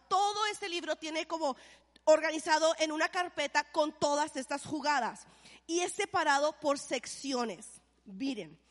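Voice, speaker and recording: High-voiced woman preaching in a hall. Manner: animated, playful, asks the audience questions. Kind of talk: sermon. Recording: long hall reverb.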